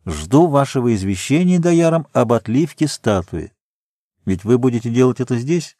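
Man voicing a learned geologist, middle-aged, measured explanations, mellow tone. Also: mid-range voice, expressive, no room sound, clean studio sound, pitched above the performer's own voice, lightly acted.

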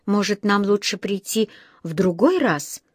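A woman's voice: mid-range voice, normal speed, no echo, clean studio sound, lightly acted. A woman voicing an anxious, caring mother who speaks in a worried, hesitant way, in a storybook reading.

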